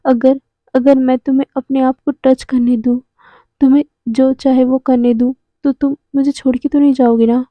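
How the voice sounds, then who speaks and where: A tearful young man begs again and again, his words tumbling and repeating, as a woman reads him. The voice sits high and bright, close and dry, with a slightly dull sound. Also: little pitch movement, moderate pace, no echo, lightly acted. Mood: pleading.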